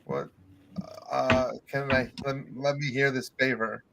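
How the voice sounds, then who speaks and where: A man's voice: mid-range voice, fairly even intonation, a little slow, gravelly, a bit bright. A man playing a tabletop role-playing game, talking casually with hesitant, conversational phrasing. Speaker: player.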